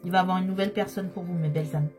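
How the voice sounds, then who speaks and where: Slightly hoarse woman reading tarot. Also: on the low side, fairly even intonation, very fast, music in the background. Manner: repetitive, emphatic, addresses viewers directly. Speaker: tarot card reader. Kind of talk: tarot reading addressed to viewers.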